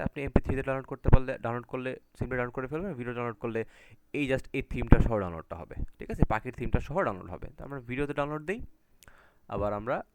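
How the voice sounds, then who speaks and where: A man's voice: mid-range voice, heavy background noise. A man teaching a live online class over a video call, talking casually and often checking in with his students. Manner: casual, repeats "ঠিক আছে?" to check in with students.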